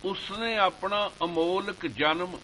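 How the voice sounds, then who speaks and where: Slow, bright-voiced male preacher. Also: high voice, slight background noise, low-quality recording. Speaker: Sikh preacher. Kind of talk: slow devotional sermon with scripture recitation.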